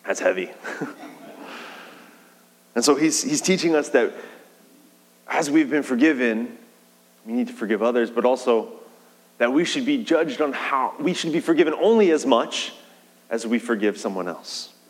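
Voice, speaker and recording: A man's voice: mid-range voice, lively intonation, moderate pace, long pauses. Male pastor preaching in a reverberant hall. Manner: conversational preaching with shifting pace and emphasis. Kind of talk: sermon. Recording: long reverb of a large hall.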